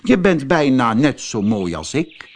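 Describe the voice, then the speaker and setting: A man voicing a kind, friendly male snail with a shell, gentle and reassuring. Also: medium pitch, very animated, a little slow, background noise.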